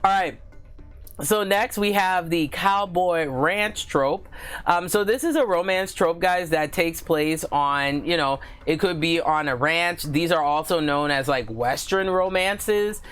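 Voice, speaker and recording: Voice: medium pitch, a little slow, fairly bright tone, clear, resonant tone, soft background music. Host of a book channel; casual, filler-heavy live chat, gushing and giggly. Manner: chatty, filler-heavy, keeps addressing viewers as guys.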